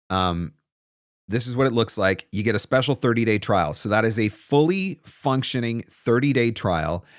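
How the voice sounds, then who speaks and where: Speaking into a close desktop broadcast microphone in a small indoor home studio, a voice-over coach in his forties hosts a livestream, offering relaxed, conversational advice with emphatic repetition. His voice is fairly low and the recording dry.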